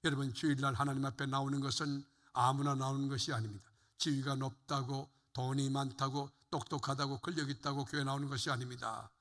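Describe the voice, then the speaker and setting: Older pastor preaching in a reverberant sanctuary. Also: male voice, medium pitch, level tone, brisk, fairly bright tone. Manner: fervent preaching, rising and falling emphasis, addresses congregation. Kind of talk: sermon. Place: church sanctuary. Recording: long hall reverb.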